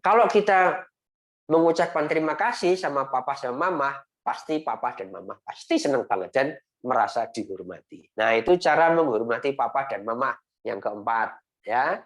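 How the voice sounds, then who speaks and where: A man teaching young children in Sunday school over a video call, gentle and repetitive, often ending phrases with a coaxing "ya". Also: medium pitch, lively intonation, normal speed.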